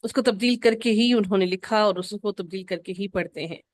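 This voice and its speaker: A woman's voice: medium pitch, no room sound. Patient woman teaching grammar, dry sound. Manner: patient, repeats key rules slowly for students. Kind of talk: recorded grammar lesson.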